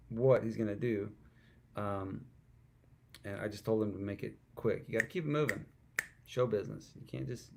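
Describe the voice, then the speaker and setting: A man's voice: lowish voice, gravelly, darkish tone, a little hiss or hum. A middle-aged man hosting his own music livestream, chatting between songs in a rambling, self-deprecating way and reading out viewer comments. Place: at home, alone with a guitar.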